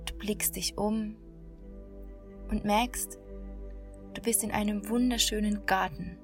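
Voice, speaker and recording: A woman guiding a meditation in a slow, calm, soothing hypnotist-like manner, with long pauses between short phrases. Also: mid-range voice. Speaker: meditation guide. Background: new-age music.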